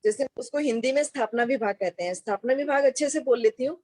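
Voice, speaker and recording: Woman, high voice, dry and close; careful, explanatory delivery. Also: quick pace, a little mellow, no echo. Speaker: office worker. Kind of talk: casual group discussion.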